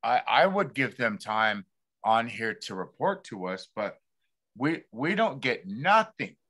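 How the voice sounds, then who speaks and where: Slow, halting man hosting community talk. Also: mid-range voice, big pitch swings, bright, forceful tone. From Lummi community, Pacific Northwest United States. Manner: halting, repeats words as he searches for them. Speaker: host of a community call-in talk show.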